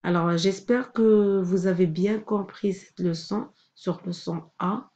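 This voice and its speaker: Slow, patient woman teaching phonics. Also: medium pitch, mellow, muffled recording. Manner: patient, sounds out words slowly. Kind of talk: slow phonics lesson for young children.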